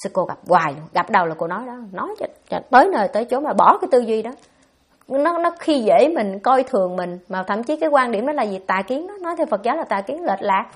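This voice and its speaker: A Buddhist nun giving a dharma talk, answering questions in a blunt, scolding way. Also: female voice, fairly high pitch, lively intonation, husky. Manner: blunt, scolding, fast-talking.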